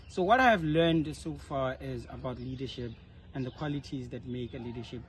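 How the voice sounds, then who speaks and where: Earnest and articulate, a young leadership fellow from South Africa reflects on questions in a casual interview. He speaks fairly quickly in a medium pitch, and the recording carries faint ambient noise.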